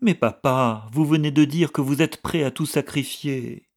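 A man voicing a timid young son who begs to become a soldier, in an audiobook reading, with halting, pleading speech. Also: fairly high pitch, a little mellow.

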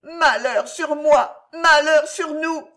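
A woman's voice: sits high, expressive, slow, pitched above the performer's own voice. A woman voicing a frightened young woman in love, pleading and breathless, in an audiobook reading. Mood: pleading panicked. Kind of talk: audiobook character voice.

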